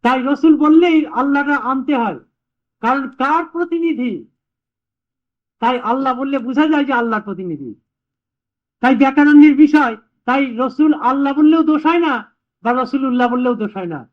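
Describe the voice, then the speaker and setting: High-voiced man preaching, old lo-fi tape. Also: normal speed, long pauses. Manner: patient, explains by repeating points. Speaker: Sufi preacher. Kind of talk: sermon before group remembrance. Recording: dull lo-fi 1981 recording.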